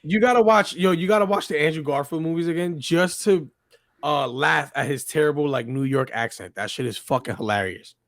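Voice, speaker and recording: A man's voice: fairly high pitch, fairly quick, a bit bright, no echo, studio quality. A man co-hosting a podcast over an online call, joking and teasing in casual profane chat. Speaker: podcast co-host.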